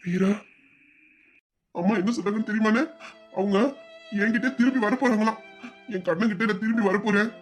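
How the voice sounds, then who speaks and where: A devoted young elder brother from an audio story, voiced by a man. His voice sits high for a man, yet he speaks softly and earnestly, often dropping low and quiet. He sounds protective and caring. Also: fairly quick, long pauses, faint music behind, lightly acted. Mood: tender. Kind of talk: emotional audio-drama acting.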